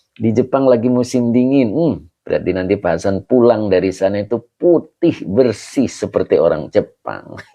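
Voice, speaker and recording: A middle-aged man, an Islamic preacher casually chatting through viewer comments on a livestream with chuckles and drawn-out exclamations. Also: lowish voice, gravelly, dark tone. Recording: slightly dull lo-fi livestream audio.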